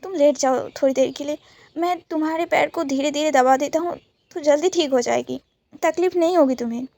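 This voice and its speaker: A woman's voice: high voice, dry recording. A woman voicing a tearful remorseful young man. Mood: coaxing. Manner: soft, halting and apologetic.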